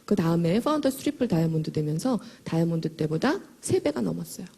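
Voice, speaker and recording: A middle-aged woman giving a lively, emphatic motivational talk to a live audience in a large hall, her voice a little hoarse and chatty, joking with the listeners as she goes. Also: lowish voice, fast talker. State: slightly hoarse. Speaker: motivational speaker at a sales event.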